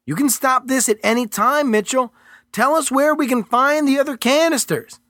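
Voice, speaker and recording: A man reading the part of a cold male federal agent who talks in a smooth, condescending, taunting way. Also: extremely high pitch, moderate pace, fairly bright tone, no room sound, studio quality, voice pushed up.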